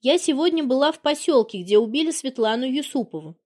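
A woman's voice: sits high, expressive, fairly quick, darkish tone. A woman reading a scornful jilted woman. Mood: accusing. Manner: biting, scornful. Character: furious jilted woman, sharp-tongued and accusing.

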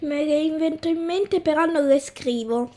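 A woman's voice: high voice, moderate pace, mellow, voice pushed up, close to an everyday voice. A woman voicing a cheerful female radio mascot who talks in chirpy exclamations. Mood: chatty.

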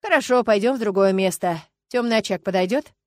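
A woman's voice: mid-range voice, fairly quick, darkish tone, no echo, natural voice. A woman reading the lines of an arrogant, commanding young male dragon in an audiobook, in a curt, self-assured manner. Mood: coaxing. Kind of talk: audiobook character voice.

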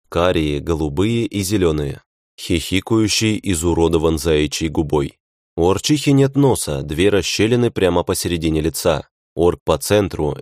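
A man's voice: deep voice, a little mellow, no echo, studio quality. A young man narrating a first-person fantasy audiobook in a tense, wry inner-monologue manner.

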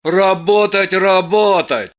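A woman reading an audiobook voices a calm, firm man who teases his lover with dry mockery. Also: sits low, unhurried, voice pushed down, heavily acted. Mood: insistent. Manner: calm, firm, dryly mocking. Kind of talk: audiobook character voice.

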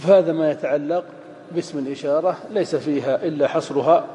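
A man's voice: a little high, dark tone, a little hiss or hum. Man lecturing in an echoey hall. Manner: slow, deliberate, repeats example phrases. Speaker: grammar teacher. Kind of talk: lecture explaining Arabic grammar.

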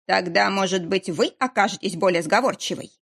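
A woman's voice: medium pitch, a little fast, vocal fry, fairly bright tone, breathy edge. A woman voicing a menacing, mocking round-faced man interrogating two captives. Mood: mocking menace. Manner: mocking, threatening.

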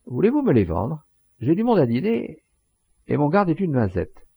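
A man's voice: fairly high pitch, wildly swooping pitch, normal speed, gravelly, dark tone, breathy edge, no echo, voice pushed up, heavily acted. A man reading the part of an amused, courteous aristocratic count in an audiobook, with a polite, commanding manner.

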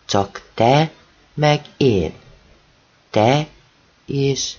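A man's voice: medium pitch, darkish tone, husky, muffled recording, lightly acted. A man voicing the whispering ghost of a boy, repeating himself eerily. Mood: eerie whisper. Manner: whispered, repetitive.

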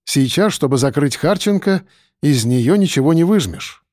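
Mellow male audiobook narrator. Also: on the high side, animated, normal speed, no echo, clean studio sound. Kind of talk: first-person audiobook narration.

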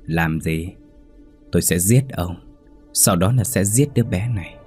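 A man's voice: sits low, a little slow, darkish tone, slightly rough, soft background music. A man voicing a vengeful drowned ghost woman. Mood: menacing. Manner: cold, menacing threats.

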